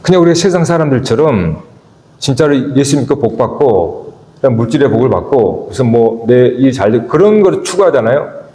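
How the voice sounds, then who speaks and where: A man preaching a sermon as pastor of a church, asking the congregation questions and swinging between emphatic peaks and low, quiet stretches. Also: big pitch swings, moderate pace. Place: church sanctuary. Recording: echoey church hall with long reverb.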